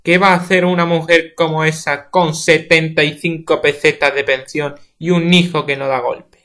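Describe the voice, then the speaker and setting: A man's voice: fairly high pitch, flat delivery, moderate pace, a bit bright, close to an everyday voice. A man with a Spain Spanish accent reading the part of an outspoken, gossiping middle-aged neighbor woman in a play audiobook. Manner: blunt, nosy, gossiping.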